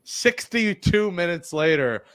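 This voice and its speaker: A podcast host with a high, bright, clean-toned voice hosts a relaxed sports show in an unhurried, sing-song manner. He jokes around and pokes fun at himself whenever he trips over foreign words.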